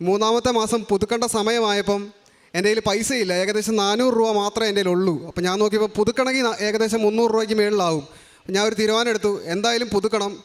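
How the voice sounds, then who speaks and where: A man's voice: sits high, steady tone, fast. A young man from Kerala giving an earnest personal faith testimony, framing each remark as a quote. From Kerala, India. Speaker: testimony giver at a shrine.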